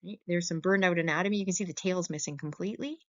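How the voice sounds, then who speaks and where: Teaching veterinary radiography, this female lecturer keeps things informal and chatty, often pausing to ask students short questions. She speaks quickly in a lowish, fairly bright voice, captured in a dull, lo-fi voice-over.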